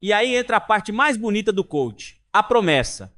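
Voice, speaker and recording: A man's voice: high voice, big pitch swings, normal speed, a bit bright. A man with a Brazilian Portuguese accent telling jokes in a folksy, mocking monologue full of rhetorical questions. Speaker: comic storyteller. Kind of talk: joke monologue.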